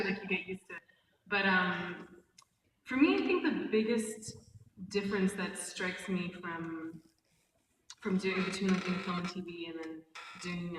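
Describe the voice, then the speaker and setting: Chatty actress in an echoey hall. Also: female voice, mid-range voice, far from the mic, a little hiss or hum. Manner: chatty, self-conscious about speaking loudly. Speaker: voice and mocap actor on a panel. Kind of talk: casual panel talk. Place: large convention panel room.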